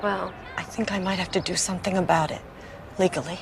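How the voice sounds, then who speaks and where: A woman's voice: fairly low pitch, fairly quick, vocal fry. An actress playing a blunt, sarcastic young woman lawyer arguing with her family in a film drama. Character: sharp-tongued young woman lawyer, sister. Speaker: lawyer sister. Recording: film soundtrack with steady background noise.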